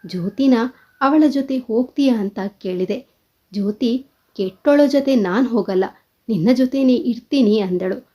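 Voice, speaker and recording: A woman's voice: a little high, normal speed, mellow, natural voice. A woman voicing an elderly father who talks in a sorrowful, confessional way, in a dull lo-fi recording. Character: elderly father, grieving and tearful.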